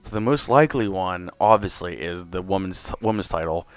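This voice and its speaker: Male podcast host with a deep voice, slightly hoarse, loose rambling delivery, dry sound. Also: normal speed, no echo. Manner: rambling, profane, with many fillers. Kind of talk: casual solo show review.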